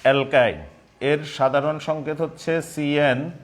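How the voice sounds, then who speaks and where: A man teaching a chemistry class, repeating terms slowly and spelling out formulas step by step. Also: a little high, fairly even intonation. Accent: Bangladeshi Bengali. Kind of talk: classroom lecture.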